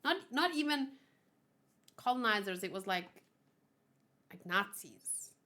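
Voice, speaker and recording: A woman with a mid-range, bright, pushed voice speaks slowly and expressively while hosting a manga read-along. Afrikaans is her first language, and she chats casually in a rambling, giggly way, often correcting herself.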